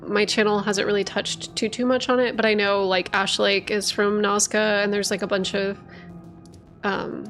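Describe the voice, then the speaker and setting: A woman hosting a livestream, chatting casually with viewers in a rambling way, full of filler words and self-corrections, tired after hours of streaming. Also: medium pitch. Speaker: streamer and lore channel host.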